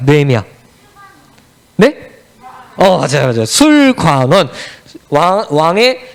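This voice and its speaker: Casting note: a high-voiced, very expressive male children's pastor who tells a Bible story and quizzes the children as he goes. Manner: animated storytelling, asks the children questions. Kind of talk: children's sermon.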